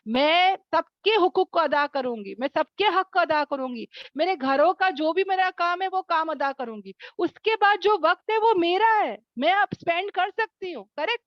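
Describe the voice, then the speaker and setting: A woman's voice: sits high, no room sound, dull audio. A woman teaching a Quran study class online, calling her listeners sisters and acting out what others say. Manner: animated, addresses listeners as sisters; acts out quoted remarks and asks rhetorical checks. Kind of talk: Quran study lesson in Hindi-Urdu. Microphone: online meeting recording.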